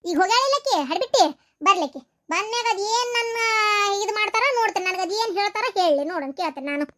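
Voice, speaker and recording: Woman doing a cartoon mother-in-law, north karnataka accent, squeaky high voice, fast and nagging. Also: lively intonation. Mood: ranting. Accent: North Karnataka Kannada. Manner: scolding, cursing, sharp. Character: scolding short-tempered village mother-in-law, older woman. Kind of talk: cartoon voice acting.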